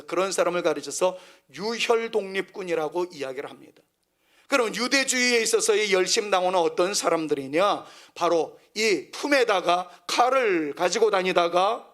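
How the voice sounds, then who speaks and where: A man's voice: high voice, a bit bright. A middle-aged man from Seoul, preaching a sermon in an earnest way and dropping to a near whisper at the ends of phrases. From Seoul, South Korea. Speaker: pastor.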